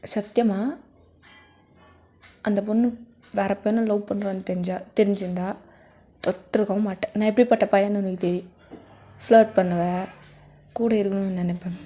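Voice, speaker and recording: A woman's voice: medium pitch, fairly even intonation, moderate pace, pauses often, mellow, natural voice. A woman voicing a possessive, jealous young husband who pleads and threatens, in a fanfic story reading. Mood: pleading. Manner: intense, pleading then menacing.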